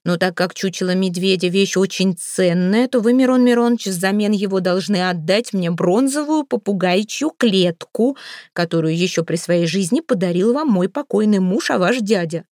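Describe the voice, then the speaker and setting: A woman's voice: moderate pace, darkish tone, dry recording, studio quality, natural voice. Woman reading as a fussy widow. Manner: placating, then shrill. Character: fussy middle-aged widow dividing an inheritance.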